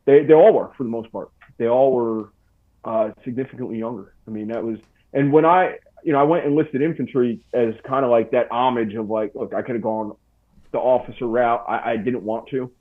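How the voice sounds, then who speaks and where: A man in his forties, appearing as a podcast guest, tells a story in medium pitch and at a slightly fast pace. His telling is laid-back and slangy with plenty of "dude" and "bro," over a tinny, phone-like line.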